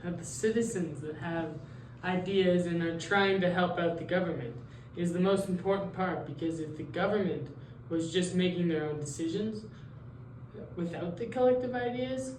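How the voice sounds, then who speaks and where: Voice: mid-range voice, normal speed, darkish tone, close to an everyday voice. A teenage student playing an idealistic male philosopher in a school role-play interview, speaking hesitantly and correcting themselves. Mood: earnest. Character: male philosopher Jean-Jacques Rousseau, idealistic. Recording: roomy, distant mic, faint noise.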